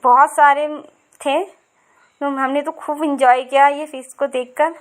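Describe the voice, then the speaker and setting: A woman's voice: high voice, flat delivery, takes it slowly. A woman in her thirties chatting casually as she narrates her vlog, rambling and repeating herself with many fillers. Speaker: vlogger.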